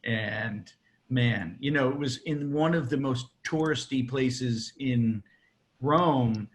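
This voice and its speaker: Rambling cigar maker telling stories. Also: male voice, mid-range voice, takes it slowly. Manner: rambling storyteller, many fillers. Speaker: cigar maker, interview guest. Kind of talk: casual interview chat.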